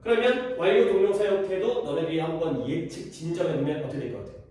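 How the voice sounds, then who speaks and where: A man's voice: a little high, fast, a little mellow, slight background noise. A male teacher giving a classroom grammar lesson, quizzing his students and repeating key terms. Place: classroom at a cram school. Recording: echoey classroom, voice from far off.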